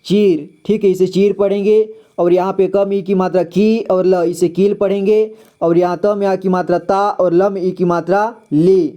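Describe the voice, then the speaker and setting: A man teaching a reading lesson, sounding out syllables slowly, repeating each word and quizzing the listener. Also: high-pitched, warm tone. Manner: patient, repeats words, quizzes the viewer. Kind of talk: slow classroom-style reading lesson.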